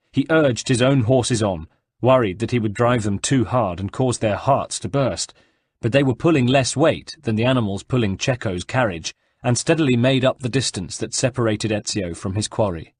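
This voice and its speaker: A man narrating an audiobook in a steady storytelling delivery. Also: medium pitch, normal speed, husky, no echo, studio quality. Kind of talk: scripted narration.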